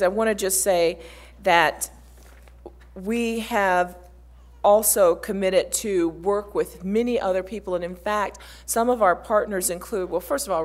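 A middle-aged woman speaking earnestly on a conference panel at a table mic. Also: fairly low pitch. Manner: earnest, listing many partners. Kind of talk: panel talk. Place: conference hall stage.

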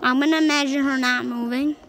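A woman giving excitable let's play commentary over a game, yelping at scares and dropping into hushed whispers. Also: high-pitched, brisk, slight background noise, poor audio. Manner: excitable, swings between yelps and hushed whispers. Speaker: gameplay commentator. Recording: game music playing clearly behind the voice.

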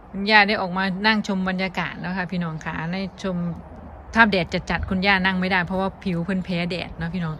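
A woman with an Isan Thai accent vlogs from an outdoor garden, chatting casually and calling her viewers brothers and sisters. Her voice is lowish, steady, fast and sharp, with slight background noise.

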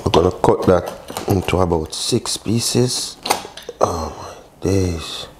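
In a modern home kitchen, a male chef presenting a cooking show explains a recipe step by step, tossing in brief conversational exclamations. He speaks slowly in a low-pitched voice, and there's background noise.

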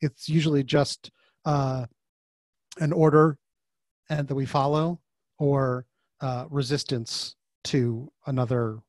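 Speaking slowly with long pauses in a mid-range voice, a man takes part as a podcast guest over a video call. He is an author and design facilitator who keeps the conversational interview casual and animated, acting out quoted voices mid-story. The recording is dry.

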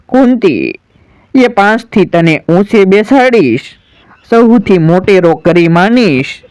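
A man storyteller voicing a tender older royal mother in a dramatic recitation, gentle and coaxing. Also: high voice, lively intonation, takes it slowly, clear, resonant tone, no echo.

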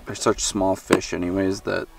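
A man's voice: sits low, little pitch movement, moderate pace, creaky, noisy background. A young man talking casually while cleaning and cooking fish outdoors, thinking aloud with plenty of fillers and self-deprecating asides. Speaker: fishing vlogger. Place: outdoors by a forest lake. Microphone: camera mic, handheld and ground-mounted. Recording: outdoor camera audio from a distance.

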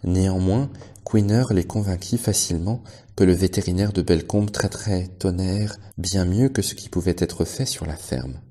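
A male librarian reading a novel aloud in steady, measured narration. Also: sits low. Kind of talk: audiobook narration.

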